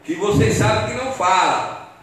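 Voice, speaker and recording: High-voiced man teaching children in church. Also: unhurried. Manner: animated, asks the children questions. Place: church hall. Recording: echoey church hall, distant mic.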